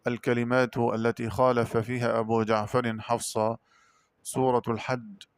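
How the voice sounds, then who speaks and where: A man giving a Quran recitation lesson, explaining variant readings quickly and then chanting the words slowly and drawn out. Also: mid-range voice, little pitch movement, clear, resonant tone, no echo. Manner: brisk spoken explanations alternating with slow, drawn-out chanted words.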